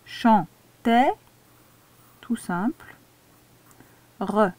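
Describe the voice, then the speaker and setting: A woman's voice: mid-range voice, expressive, extremely slow, darkish tone, no room sound. A woman teacher giving a dictation lesson to a child, patiently spelling words out syllable by syllable. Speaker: primary school teacher.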